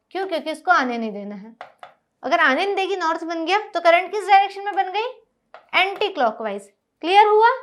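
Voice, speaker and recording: A woman teaching a school science lesson, explaining step by step and often asking whether it is clear. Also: very high voice, fairly bright tone. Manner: explains step by step, asks checking questions. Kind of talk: classroom lecture on a whiteboard.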